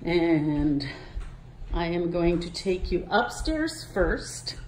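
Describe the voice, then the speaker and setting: A woman's voice: fairly low pitch, sing-song, very slow, darkish tone, a little hiss or hum. A real estate agent walking through a large house, chatting as she points out rooms and getting a little out of breath. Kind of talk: walking house tour narration.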